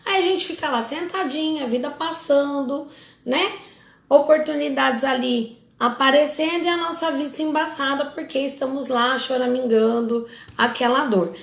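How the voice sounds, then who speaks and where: High, gravelly Brazilian woman therapist. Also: moderate pace, echoey room. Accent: Brazilian Portuguese. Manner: direct, scolding, informal asides to the audience. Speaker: family constellation therapist. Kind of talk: casual talk to followers.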